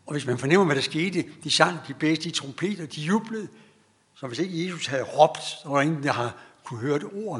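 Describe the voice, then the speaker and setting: A middle-aged man delivers an earnest sermon with a noticeably high voice. There is a gravelly rasp under his words. He draws out the phrases he wants to land. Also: fairly bright tone. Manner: earnest preaching, drawn-out emphatic phrases. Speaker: preacher.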